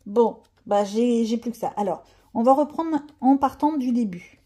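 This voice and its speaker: Woman rambling on her coloring vlog, kinda high voice, a bit breathy, laughs at herself. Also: moderate pace, warm tone. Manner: chatty, thinks aloud, self-mocking. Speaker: coloring vlogger. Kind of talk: casual chat while coloring.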